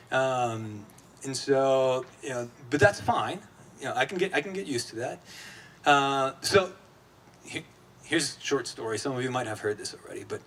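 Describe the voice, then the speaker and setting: A man's voice: medium pitch, a bit bright. Casual conference speaker, a man. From Guatemala. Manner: casual, conversational speaker with fillers and restarts. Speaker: executive director of an advocacy group. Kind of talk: conference keynote speech. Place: conference stage.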